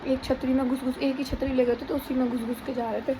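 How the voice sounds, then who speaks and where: A woman's voice: high-pitched, little pitch movement, fast talker, background noise. A young pregnant woman, chatting casually in a rambling home vlog. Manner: chatty, rambling, teasing her husband. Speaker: vlogger. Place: home indoors.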